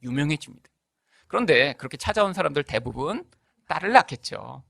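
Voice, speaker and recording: High, lively-voiced man preaching. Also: brisk, creaky, no room sound. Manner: asks the congregation rhetorical questions; tells stories with acted-out voices. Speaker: pastor. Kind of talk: sermon.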